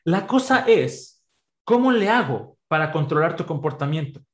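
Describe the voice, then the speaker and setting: A man with a Mexican accent in a podcast conversation, explaining ideas with everyday examples in an animated way. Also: on the high side, moderate pace. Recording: roomy echo.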